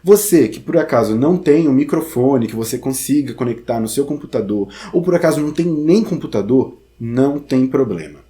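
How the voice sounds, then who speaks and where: A Brazilian-accented instructor with a medium-pitched, animated, mellow voice presents an informal step-by-step tutorial, speaking briskly with hardly any pauses. He talks conversationally and directly to listeners, checking in with them often, over slight background noise.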